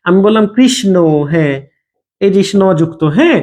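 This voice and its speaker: A man's voice: sits high, lively intonation, brisk, a little mellow. A man teaches a live online grammar class. He repeats each point and thanks students by name as he goes. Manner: repetitive, checks in with students by name.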